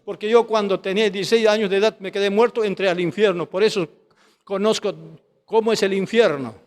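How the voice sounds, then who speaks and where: Man, preacher giving a testimony, high-pitched voice, fervent and pleading, long hall reverb. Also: steady tone, brisk. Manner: impassioned, pleading, addresses listeners as brother. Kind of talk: testimony sermon.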